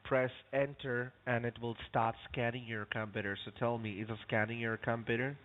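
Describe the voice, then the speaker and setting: A man's voice: mid-range voice, little pitch movement, moderate pace. A polite man working as a phone support agent, pronouncing v like w and often saying sir. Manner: says v like w; polite, repeatedly addressing the caller as sir. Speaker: phone scammer posing as tech support agent. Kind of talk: scripted phone support talk turning to chat. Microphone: phone call. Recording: tinny narrow phone line.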